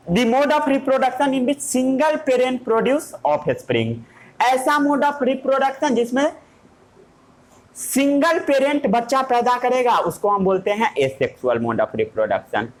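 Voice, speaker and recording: A man teaching a lesson, asking questions and answering them himself in a playful way. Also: very high-pitched. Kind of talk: classroom lesson.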